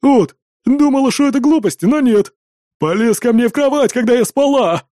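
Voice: mid-range voice, animated, normal speed, dark tone, no echo, studio quality, pitched above the performer's own voice, natural voice. An audiobook reader voicing a hot-tempered green-skinned warrior woman with fangs. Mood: fierce.

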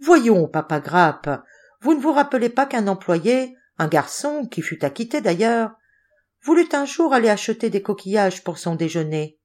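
A woman's voice: medium pitch, sing-song, moderate pace, a little mellow, pitched above the performer's own voice. A woman reading the part of a sceptical, needling male office clerk who loves to scandalize his colleagues. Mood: mocking. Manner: sardonic, needling.

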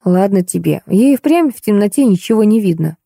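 A woman reading an audiobook, voicing a meek young husband who speaks slowly and placatingly. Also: mid-range voice, expressive, creaky, dark tone, dry recording, studio quality. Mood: soothing. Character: calm soothing young husband.

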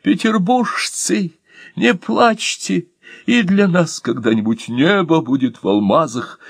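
A man reading an audiobook and voicing a sentimental, theatrical older actor who declaims slowly and with feeling. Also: a little high, creaky, no echo, studio quality, voice pushed up, exaggerated voice. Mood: lyrical. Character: lyrical old drunk actor, theatrical, sentimental.

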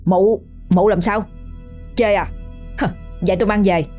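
A woman voicing a crude village man who stammers and cackles hoarsely. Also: medium pitch, fairly even intonation, measured pace, a little mellow, soft background music, natural voice. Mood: taunting.

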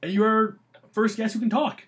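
A man's voice: sits high, fairly even intonation, moderate pace, a bit bright. A young man co-hosting a podcast, teasing strangers in loose, joking banter. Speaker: podcast co-host. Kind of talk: casual banter.

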